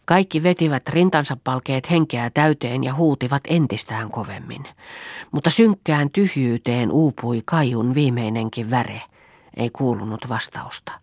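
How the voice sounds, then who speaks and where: A woman reading an audiobook in a calm, even storytelling manner. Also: extremely low pitch, dry recording, studio quality. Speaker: audiobook reader. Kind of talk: audiobook narration.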